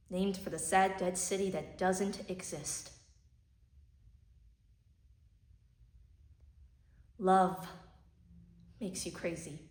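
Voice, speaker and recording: Tragic heroine played by a woman: sorrowful, bitter, haunted monologue with weighted pauses, medium pitch, roomy echo. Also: fairly bright tone, lightly acted. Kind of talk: theatrical dramatic monologue. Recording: echoey room.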